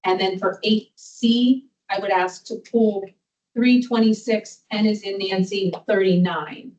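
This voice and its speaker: A woman's voice: mid-range voice, fairly even intonation, unhurried, a little mellow, slight background noise. A woman staff member speaking formally and reporting at a board meeting. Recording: muffled, distant meeting microphone.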